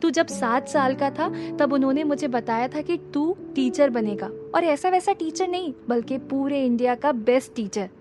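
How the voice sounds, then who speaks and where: A doting, stubborn middle-aged mother, voiced by a woman, who scolds and insists on getting her way. The voice sits high and firm. Clear background music plays throughout the audio story. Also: lively intonation, moderate pace, hardly any pauses. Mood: insistent. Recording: music playing under the voice.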